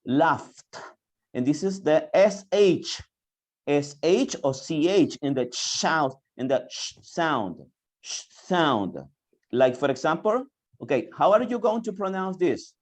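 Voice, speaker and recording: Slow, patient teacher. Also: medium pitch, sing-song. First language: Spanish. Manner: repeats words slowly, coaxing students to answer. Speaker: English teacher. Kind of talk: online class, mixing English and Spanish. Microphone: video call.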